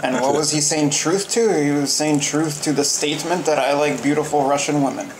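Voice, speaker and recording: A man chatting casually in a dry, measured way with careful wording. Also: a little high, fairly even intonation. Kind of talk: casual chat. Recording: faint ambient noise, clinking dishes.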